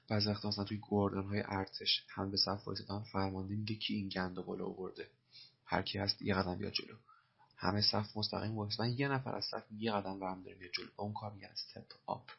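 A man's voice: lowish voice, level tone, vocal fry, slightly rough. A man teaching English by explaining film lines, patiently repeating phrases and spelling words out letter by letter. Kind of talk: explaining film dialogue in a language lesson. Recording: dull lo-fi recording.

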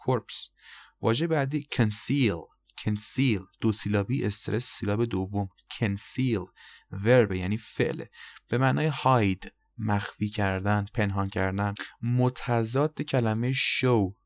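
A man with a Persian accent teaching English vocabulary, explaining each word, spelling words out letter by letter and repeating the pronunciations. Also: fairly low pitch. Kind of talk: recorded vocabulary lesson.

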